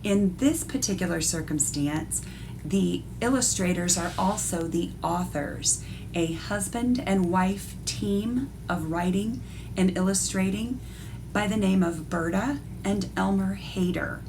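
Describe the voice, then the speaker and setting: A woman's voice: mid-range voice, unhurried, background noise. A woman art teacher reading a picture book aloud expressively and explaining things to young listeners. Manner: instructive, addresses young listeners directly.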